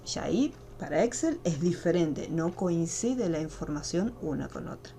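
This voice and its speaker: A woman's voice: lowish voice, mellow, a little hiss or hum. Patient woman teaching a class. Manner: patient, step-by-step explaining. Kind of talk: online class. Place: home room, online video call. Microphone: computer mic on a video call.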